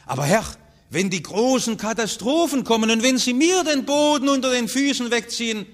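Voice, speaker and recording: A man's voice: expressive, moderate pace. A man preaching a sermon, earnest, his voice rising and falling strongly as he speaks. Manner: earnest, with strong rises and falls in pitch and loudness.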